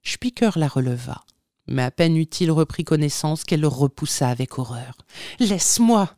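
An audiobook narrator giving dramatic, expressive readings of a literary tale. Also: medium pitch, moderate pace, dry recording, studio quality. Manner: expressive, theatrical storytelling.

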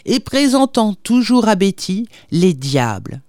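Brief: a woman reading a children's story aloud, slow, very lively pitch, dry sound. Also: no echo. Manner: measured, expressive reading. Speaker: audiobook reader. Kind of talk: storybook narration.

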